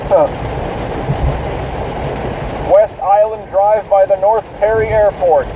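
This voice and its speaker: A man's voice: high voice, slow pace, distant mic, phone-quality sound. Swearing man ranting while driving. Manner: profane, ranting about other drivers. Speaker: podcast host. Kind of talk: casual solo monologue while driving. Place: inside a car in heavy rain. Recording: noisy in-car recording, rain and road noise.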